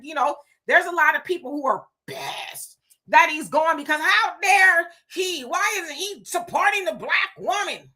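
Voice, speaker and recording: A woman hosts a casual commentary show in a chatty, sassy way, full of asides and rhetorical questions. Her voice sits high and sounds bright and forward.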